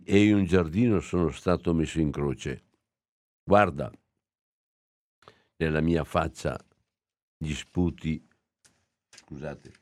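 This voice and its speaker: A man, a priest, giving a homily and slowly reading an old text aloud, reflective and with small hesitations. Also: low voice, a little mellow, dry recording, studio quality.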